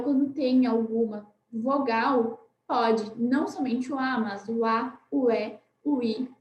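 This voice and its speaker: A Brazilian teacher with a high, light voice talks young pupils through a lesson, slowing right down to spell out each word. She keeps checking in with a gentle "né?", and the room around her rings with echo. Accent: Brazilian Portuguese. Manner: patient, spells words out slowly, often asks "né?". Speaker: primary school teacher. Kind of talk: recorded online class for children.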